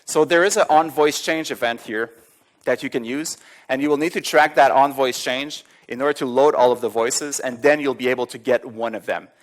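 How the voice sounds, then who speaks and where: A man's voice: mid-range voice, steady tone, normal speed. Casual chuckling tech conference speaker, man. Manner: casual, many fillers, chuckles between points. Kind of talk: live tech conference talk with demos. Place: conference hall with audience.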